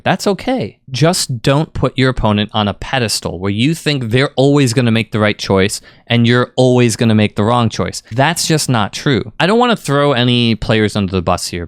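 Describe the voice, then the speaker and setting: A man coaching on fighting-game tactics in a casual, rambling, conversational way, stressing key points with lively emphasis. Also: medium pitch, clear, resonant tone, no room sound, clean studio sound. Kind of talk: casual explanatory commentary.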